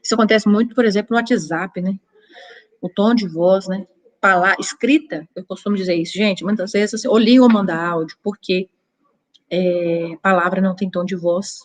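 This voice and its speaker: A woman's voice: medium pitch, steady tone, brisk. Woman teaching Sunday school. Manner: conversational, acts out little dialogues. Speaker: Bible study teacher.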